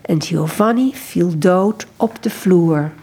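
A woman's voice: slow pace, breathy edge. A woman, country coordinator of a prayer group, reads a story aloud expressively and then talks about books, hesitating often when speaking freely. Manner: reads expressively, lively pitch in quoted lines.

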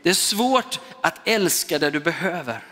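Swedish-speaking pastor preaching in a reverberant hall. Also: male voice, on the high side, expressive, bright, forceful tone. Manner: personal, storytelling preaching with English asides. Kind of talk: sermon. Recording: long reverb of a church hall.

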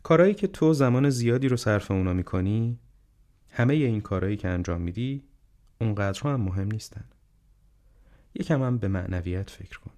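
A man voicing a gentle, wise, ailing old male professor in an audiobook, speaking calmly and reflectively. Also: on the low side, lightly acted. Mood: gently teasing. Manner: calm, reflective, unhurried counsel. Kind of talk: audiobook character reading.

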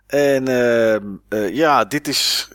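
A man co-hosting a casual podcast about games. He talks in a loose, rambling way, with lots of filler words and restarts. The recording is dry and close, with a middle-pitched voice. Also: very slow, fairly bright tone, clear, resonant tone, no room sound. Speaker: podcast co-host.

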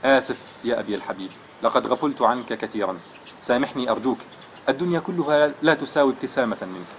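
A man's voice: a little high, expressive, racing, a little hiss or hum, lightly acted. A man voicing a remorseful young son who pleads tearfully with his father. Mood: pleading.

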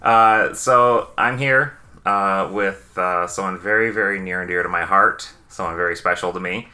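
A man's voice: low voice, moderate pace, pushed and bright. A man, hosting a casual podcast chat and rambling with many fillers. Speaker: podcast host.

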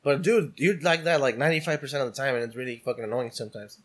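A man speaking in a middle-pitched voice, blunt and exasperated, swearing freely and saying "dude" often. He talks casually with friends on a podcast and pushes back hard. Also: racing, a bit bright. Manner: blunt, frustrated and profane, says "dude" a lot. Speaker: podcast co-host. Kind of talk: casual chat among friends.

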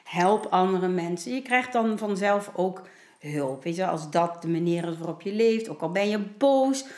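A woman's voice: fairly low pitch, normal speed. Earnest woman in an echoey room. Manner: earnest, animated storytelling. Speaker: guest. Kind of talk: casual conversation.

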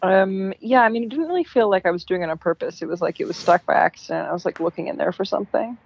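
A woman's voice: medium pitch, fast, gravelly, darkish tone, slightly rough, no echo, dull audio. A woman co-hosting a podcast in casual, slangy chat, easygoing and reassuring. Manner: laid-back, slangy, reassuring. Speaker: podcast co-host.

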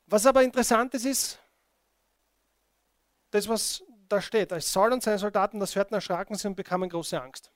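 A man preaching a sermon, retelling a story in an animated way and checking in with his listeners. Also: high voice, normal speed, no echo. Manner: animated storytelling, addressing the congregation with frequent "okay?".

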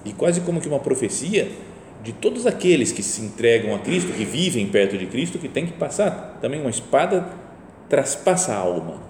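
A man's voice: medium pitch, big pitch swings, normal speed, a little mellow, slight background noise. A male priest with a Brazilian Portuguese accent gives a conversational sermon, often using rhetorical tag questions. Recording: echoey hall with faint ambience.

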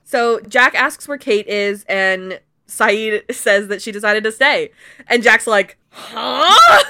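A young woman chats through a show recap on a podcast, her voice bright and sharp. She tells the story animatedly, slipping into quick voiced quotes of the characters. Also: mid-range voice. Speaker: podcast co-host recapping episodes. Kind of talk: casual podcast recap chat.

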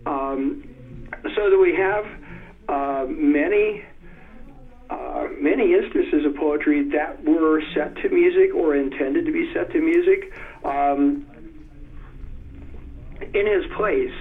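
A man speaking as a poetry expert in an interview, thoughtful and hesitant with many pauses, reciting verse slowly with stressed beats. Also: fairly high pitch. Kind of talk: conversational interview. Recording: tinny phone line.

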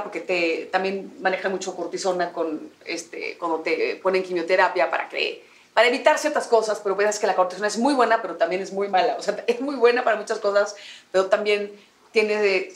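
A woman with a Mexican accent, a guest telling a personal story in candid conversation and mimicking others with a high voice. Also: a little fast. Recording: echoey room.

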